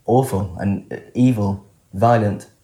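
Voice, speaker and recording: Disguised deep voice of a young man. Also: fairly even intonation, warm tone, roomy sound. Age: late 20s. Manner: reflective, halting, searching for words. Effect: voice disguised, altered deep to hide identity. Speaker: guest telling his own story. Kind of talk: candid personal account.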